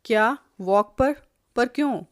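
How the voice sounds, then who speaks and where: Rude young husband, shouting, sneering, voiced by a woman, storybook. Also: mid-range voice, moderate pace, dry recording, clean studio sound, lightly acted. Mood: irritated.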